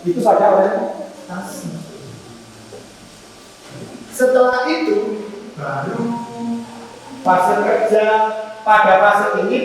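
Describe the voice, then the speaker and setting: A man, a student teacher giving an animated classroom lesson and acting out short nurse-patient exchanges. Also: high-pitched, a little hiss or hum. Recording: echoey classroom from far off.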